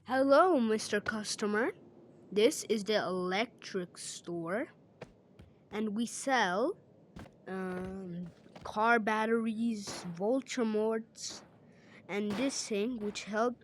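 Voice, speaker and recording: A woman playing a chatty electric-store salesman who pitches products with hesitations and filler words. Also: takes it slowly, slight background noise, lightly acted. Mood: pitching.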